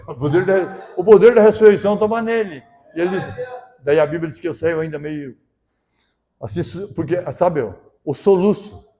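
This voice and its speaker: A male pastor delivering a sermon. He talks in a conversational way, keeps checking in with the congregation, and swells into loud, emphatic bursts. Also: mid-range voice. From southern Brazil.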